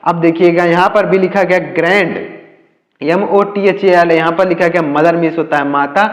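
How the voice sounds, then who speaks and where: High-voiced man teaching in an echoey room. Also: steady tone. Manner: slow, repetitive spelling out letter by letter with call-and-answer questions. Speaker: English teacher. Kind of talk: Hindi-language lesson teaching English reading. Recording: echoey room with long reverb.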